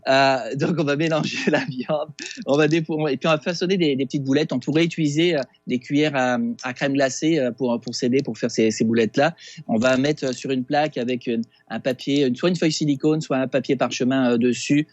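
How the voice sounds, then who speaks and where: A man with a Québécois accent, a chef talking through a recipe on a casual radio segment, halting with many fillers and restarts over a phone line. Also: medium pitch, fairly even intonation, dry recording. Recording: dull lo-fi phone sound.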